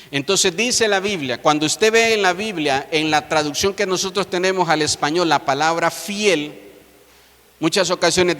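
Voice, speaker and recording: Pastor guy preaching hard, repeats his lines, kinda high voice, long echo like a big church. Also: fairly bright tone. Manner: emphatic preaching with repeated refrains and calls to the congregation. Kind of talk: sermon.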